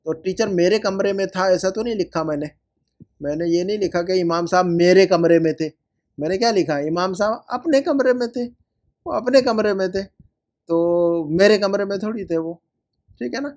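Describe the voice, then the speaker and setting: High-voiced man drilling Arabic grammar. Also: darkish tone. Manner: repeats words slowly and drawn out for drilling; explains in Hindi-Urdu mixed with English words. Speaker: Arabic teacher. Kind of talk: online lesson correcting homework.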